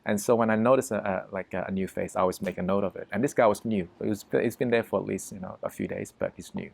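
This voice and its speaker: Gravelly low-voiced man telling a story. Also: fast. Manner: vivid, swears freely, emphatic. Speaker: interview guest. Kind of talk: storytelling in a podcast interview.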